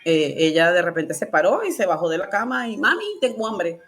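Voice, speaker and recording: A lowish, animated voice, a little fast, carries this Venezuelan-accented woman's faith testimony. She speaks colloquially and emotionally, laughing often as a testimony guest.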